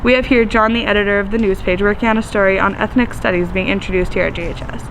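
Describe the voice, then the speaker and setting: Fast-talking young female student reporter. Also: medium pitch, steady tone, noisy background. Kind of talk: scripted narration for school announcements.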